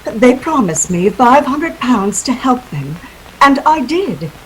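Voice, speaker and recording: A woman's voice: a little high, very animated, takes it slowly, fairly bright tone, full character voice, rough recording. A scheming femme fatale acted by a woman in a 1940s radio play. Her delivery is melodramatic and seductive, rising and falling widely. A little noise runs behind her. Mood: coy, evasive. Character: scheming, seductive femme fatale dame, world-weary liar.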